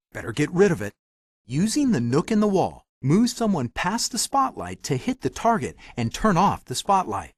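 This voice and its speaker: Helpful magic mirror, video game storyteller, theatrical, very animated intonation, slightly husky, dry close recording. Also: male voice, fairly high pitch, no echo, full character voice. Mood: helpful, encouraging. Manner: theatrical, storyteller delivery with playful rhymes. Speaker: game hint-giver and story narrator. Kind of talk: scripted video game narration.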